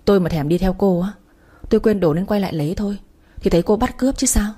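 A man's voice: sits high, quick pace, mellow. Cocky young boss, as a woman reads him. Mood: teasing.

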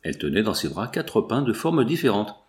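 A man's voice: on the low side, sing-song, fairly quick. A man narrating a classic novel as an audiobook, reading expressively. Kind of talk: scripted narration.

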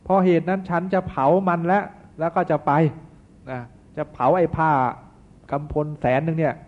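A man's voice: on the high side, brisk. A man, a Buddhist monk, giving a sermon that retells an old tale in a chatty, folksy way full of asides. The recording sounds tinny. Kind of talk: sermon with storytelling.

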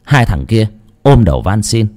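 A man narrating a dark folk story in a dramatic, animated way. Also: fairly low pitch, moderate pace.

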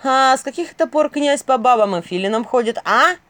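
A brash, cheeky owl with a mocking, sarcastic bite, as a woman reader voices him. He needles his enemies out loud and hisses quick asides, his voice bouncing with impudent glee. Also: mid-range voice, very animated, dry recording, natural voice.

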